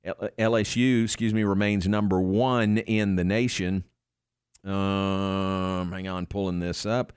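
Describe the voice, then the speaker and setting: A man's voice: low-pitched, steady tone, slow, smooth, no echo, clean studio sound. A man hosting a sports radio show in a casual, live talking style. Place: radio studio.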